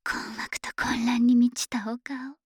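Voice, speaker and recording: A woman voices an obsessive, possessive dragon maid in a Japanese ASMR situation drama, murmuring slowly in a high, breathy, whispery voice with little pitch movement. She uses polite honorific servant speech, gloating and doting with a softly teasing menace. It's recorded dry in a studio on a close mic.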